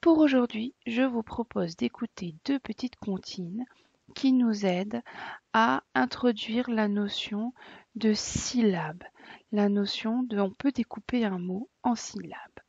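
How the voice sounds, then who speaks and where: A woman teacher calmly explaining to parents, in a soft, partly whispered way. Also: on the high side, takes it slowly, gravelly, slightly rough, no room sound. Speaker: preschool teacher. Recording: dull lo-fi dry sound.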